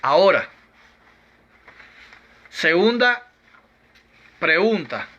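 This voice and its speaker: Man, Bible teacher, rhetorical questions, slow emphatic delivery, slightly high voice. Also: bright, forceful tone, dull audio. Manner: argues through numbered rhetorical questions. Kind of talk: doctrinal Bible lesson.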